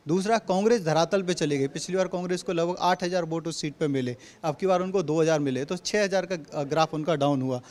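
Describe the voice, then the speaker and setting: A man's voice: sits high, darkish tone. A man from Delhi, a party spokesperson, answering interview questions assertively and hammering his points home in Hindi with a Delhi accent. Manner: assertive, repetitive rhetorical points.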